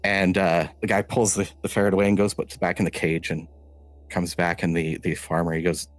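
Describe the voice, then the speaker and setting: A man narrating a tabletop game as game master, halting and restarting as he describes scenes. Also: low-pitched, level tone, dry recording.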